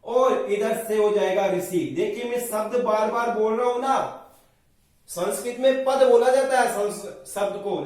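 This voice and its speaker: A man teaching Sanskrit grammar in a lecture, explaining step by step and asking and answering his own questions. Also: high-pitched. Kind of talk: classroom lecture at a board. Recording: very echoey room, mic far off.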